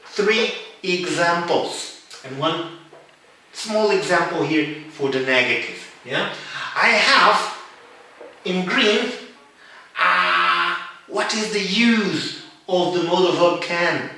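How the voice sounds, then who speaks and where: A man teaches a grammar lesson at an unhurried, careful pace, repeating each example. His voice is fairly high and bright. He sits back from the mic in a room that rings with strong echo. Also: animated, far from the mic, a little hiss or hum. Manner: slow, deliberate, repeats examples. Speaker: English teacher.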